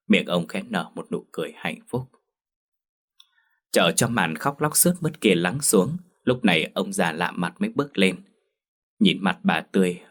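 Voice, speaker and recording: Brief: male narrator, very low, husky, emotive ghost story reading. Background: faint music.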